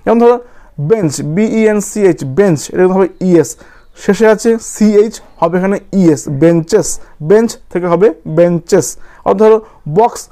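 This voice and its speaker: A man's voice: sits high, normal speed, warm tone. A man teaching a grammar lesson, spelling words out letter by letter and often checking that students follow. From West Bengal.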